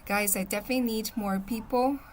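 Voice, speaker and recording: A young Chinese woman from Shanghai hosts a casual livestream, speaking fairly quickly in a steady, somewhat high voice. She chats with viewers, reads and answers their comments, and often asks "okay?", with slight background noise in the audio.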